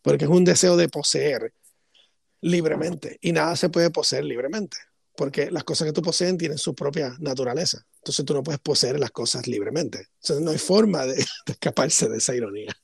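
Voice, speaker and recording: A man's voice: fairly high pitch, moderate pace, gravelly, slightly rough, dry recording, studio quality. A man co-hosting a podcast, reasoning through ideas in long, reflective casual talk. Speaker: podcast co-host. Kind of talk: casual philosophical discussion.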